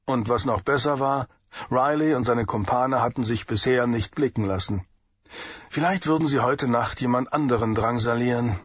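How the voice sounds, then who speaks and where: A man narrating an audiobook thriller in a steady, measured way, in a dull lo-fi recording. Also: mid-range voice, husky, no room sound. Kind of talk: scripted narration.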